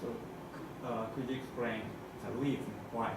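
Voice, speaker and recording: Heavy echo and noise surround a man speaking slowly. He is an examiner putting academic questions, halting as he searches for words in non-native English. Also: medium pitch, steady tone. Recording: very echoey, distant, noisy room recording.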